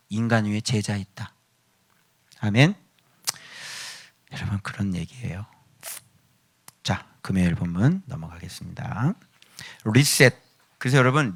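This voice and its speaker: A male pastor preaching a sermon, scolding his listeners with rapid rhetorical questions and swinging between loud exhortation and hushed low passages.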